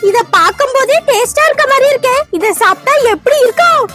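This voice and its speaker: Brief: very high cartoon girl played by a woman, whiny and pleading, faint music behind. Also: animated, fairly quick. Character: excitable, easily scared little girl.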